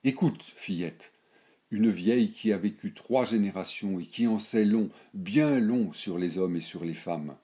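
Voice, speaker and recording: A man reads a storybook's proud old noblewoman, an indignant aristocratic grandmother who lectures with scorn and worldly certainty, in his own low, dark voice. Her speech is declamatory and slow-built, the tone mellow and deep, and the acting light.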